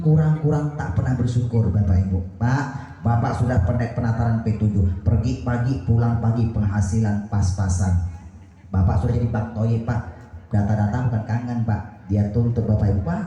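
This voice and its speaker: A man with an Indonesian accent preaching a lively sermon with jokes, constantly questioning the audience and swinging between soft and loud. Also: medium pitch, a little fast, dull audio. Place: small prayer hall. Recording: very echoey prayer hall with music.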